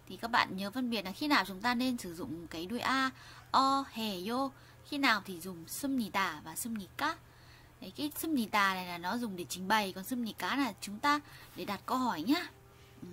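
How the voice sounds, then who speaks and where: A woman's voice: on the high side, fairly bright tone, a little hiss or hum. Woman teaching grammar, lots of restarts. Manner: repeats and restarts often, asks the viewers questions. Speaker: Korean language teacher. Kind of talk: explaining grammar in a lesson.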